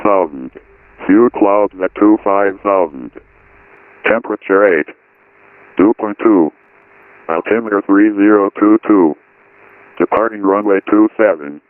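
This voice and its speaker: A computer-generated male voice reading an automated airport weather broadcast in an even, clipped way, looping the same report. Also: on the low side, a little slow, pauses often, narrow, tinny audio. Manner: even, clipped, text-to-speech delivery.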